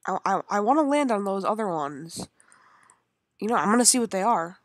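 A woman's voice: mid-range voice, animated, fairly quick, no room sound. A young woman giving rambling, chatty commentary as she plays a video game, talking to herself and her viewers. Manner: chatty and rambling, talks to herself while playing. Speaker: gaming channel host. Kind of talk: casual gameplay commentary.

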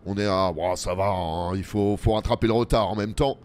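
A man's voice: fairly low pitch, steady tone, normal speed, a little mellow. A man giving casual, chatty let's-play commentary, joking at his own expense and talking straight to his viewers. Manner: chatty, self-mocking, addresses the viewers directly; mutters running remarks to himself while playing.

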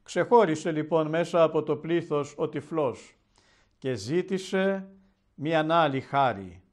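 A man, an Orthodox bishop, preaching a televised Gospel sermon in a measured, solemn storytelling manner. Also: fairly high pitch, a little mellow.

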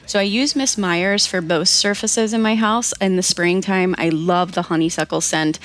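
Lower-voiced woman giving cleaning tips. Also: normal speed. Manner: friendly, practical tips, relaxed and chatty. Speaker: home cleaning vlogger. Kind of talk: casual instructional voice-over. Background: faint background music.

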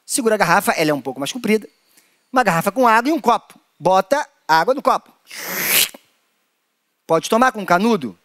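A Brazilian man leads a playful children's lesson, his voice pitched high for a man. He bounces through a wide, sing-song range. The sound is close and dry, with no room around it. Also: a little fast, long pauses, no room sound. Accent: Brazilian Portuguese. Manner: animated, playful, acts out creatures in squeaky high voices. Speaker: children's performer leading a hand-play workshop.

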